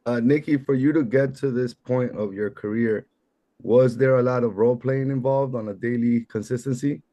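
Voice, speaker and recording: A man on a team call puts a polite question to the guest speaker. His voice is mellow and relaxed, and his manner is tentative. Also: medium pitch, normal speed. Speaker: agent asking a question.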